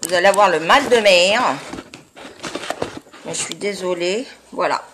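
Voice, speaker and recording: A woman chatting casually to viewers in a product review, with a congested, honking nasal voice and a halting delivery as she searches for words. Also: fairly low pitch, a bit bright, a little hiss or hum. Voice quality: nasal, honking, duck-like voice from blocked sinuses. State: congested with sinusitis. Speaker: beauty vlogger.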